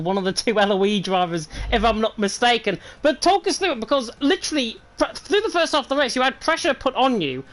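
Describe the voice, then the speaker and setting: A woman's voice: a little high, poor audio. Upbeat woman calling a sim race. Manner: upbeat, chatty, rattles off results. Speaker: race commentator. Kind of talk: live esports race commentary.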